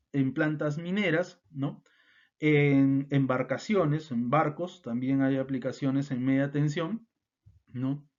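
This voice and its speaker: A man with a somewhat high voice lectures through a technical topic, checking in with his listeners after almost every point. The recording sounds dull and lo-fi. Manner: explanatory, frequent tag questions and fillers. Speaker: instructor.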